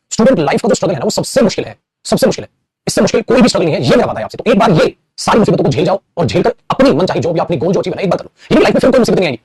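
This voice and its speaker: A young man lectures an English grammar class, his husky voice leaping up and down in a lively way. He rattles on at a racing pace and calls his students beta and bhai. The sound is dry and close. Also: high voice, no echo. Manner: animated, addresses students as beta and bhai, playful acted asides.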